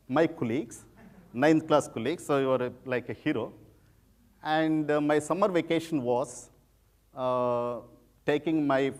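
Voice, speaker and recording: A middle-aged man speaks with a heavy Telugu-accented English. His voice sits a little high for a man, and he talks like a guest speaker sharing personal stories, often repeating phrases for emphasis. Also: a little mellow. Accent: Telugu Indian. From rural village in India. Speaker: guest speaker, former civil servant turned social entrepreneur. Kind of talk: informal public talk with personal anecdotes.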